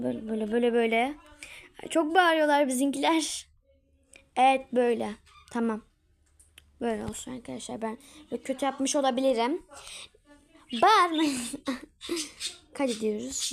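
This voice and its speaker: A woman's voice: a little high, gravelly, a little mellow. A woman at home walking viewers through a casual tutorial, chatting to them as friends and often dropping into a whisper while she works. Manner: chatty, keeps calling out to her friends; drops to a whisper while working. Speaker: tutorial maker.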